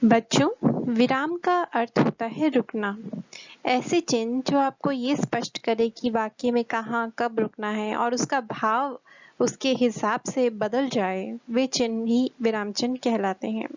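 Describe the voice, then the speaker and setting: A woman teacher explaining a grammar lesson to children, slowly and clearly, asking them questions as she goes. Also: on the high side, steady tone, no room sound. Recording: dull, dry lo-fi recording.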